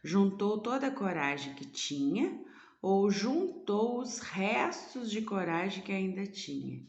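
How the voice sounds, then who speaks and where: A woman's voice: mid-range voice, sing-song, slow pace, roomy sound. A woman teacher explaining a lesson remotely, asking her students rhetorical questions as she goes.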